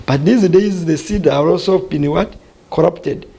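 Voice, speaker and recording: A man's voice: fairly high pitch, a little slow, creaky, dark tone, poor audio. A man from western Uganda, a guest in a studio discussion who explains earnestly and asks himself questions that he then answers.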